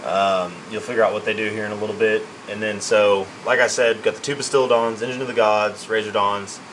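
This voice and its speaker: Lowish male gamer over noisy room hum. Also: little pitch movement, a little fast. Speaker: player presenting his tabletop army. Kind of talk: casual list rundown.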